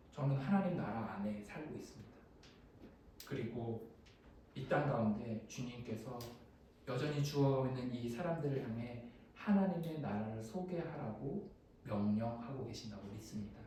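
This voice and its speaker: A male pastor giving a sermon and telling a personal story, sometimes animated and sometimes dropping to a hushed voice. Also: medium pitch, a little hiss or hum. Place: small church room. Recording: echoey room picked up from a distance.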